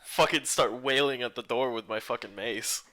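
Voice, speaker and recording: Young man, tabletop player, bright tense voice, swears a lot, casual banter. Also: medium pitch, normal speed. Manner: swears often, laughs a lot.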